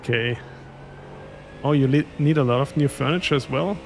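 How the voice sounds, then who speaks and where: A man's voice: mid-range voice, normal speed. A man from Austria with an Austrian German accent, a German native speaker, chatting casually with viewers as a sim racing streamer and chuckling often. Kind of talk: casual live-stream chat.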